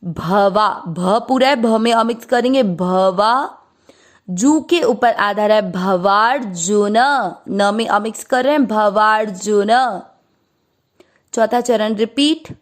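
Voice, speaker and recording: Slow, patient woman teaching pronunciation. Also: on the high side. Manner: slow, syllable-by-syllable, drawn-out recitation.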